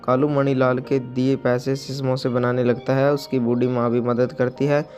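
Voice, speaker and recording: Brief: male story narrator, monotone reading, faint music bed. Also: mid-range voice, normal speed.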